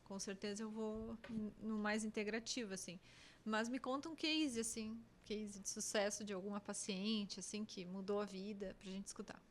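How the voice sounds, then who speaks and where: A woman hosts a podcast in easy, casual conversation, her voice sitting at an ordinary middle pitch. She agrees with her guest in relaxed asides before asking her next question. A faint noise runs behind her. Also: normal speed. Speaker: podcast host. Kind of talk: casual interview chat.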